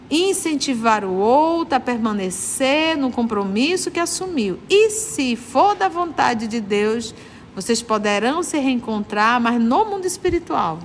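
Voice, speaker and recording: Earnest Brazilian study leader from Manaus, high-pitched woman, preaching tone, reverberant room. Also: a little hiss or hum. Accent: Brazilian Portuguese, Manaus. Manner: earnest, moralizing, repeats points for emphasis. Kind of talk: spiritist study lecture.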